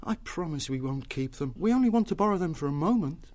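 A man's voice: sits high, moderate pace, voice pushed up. Man doing an earnest young abbey creature. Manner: calm, earnest pleading.

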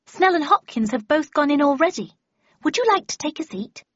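A woman's voice: sits high, animated, a little fast, dry recording, pitched above the performer's own voice. Brief: a courteous working washerwoman, voiced by a woman narrator. Dry, muffled recording. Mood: polite. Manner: polite, obliging.

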